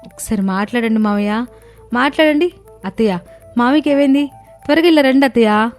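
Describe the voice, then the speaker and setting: A woman's voice: a little high, brisk, faint music behind, lightly acted. A woman voicing an innocent young village daughter-in-law, pleading and distressed.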